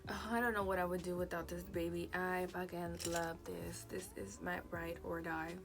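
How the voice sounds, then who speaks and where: A woman's voice: on the low side, monotone, moderate pace, over music. A young woman doing a casual makeup tutorial, chatty and swearing freely. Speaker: beauty vlogger.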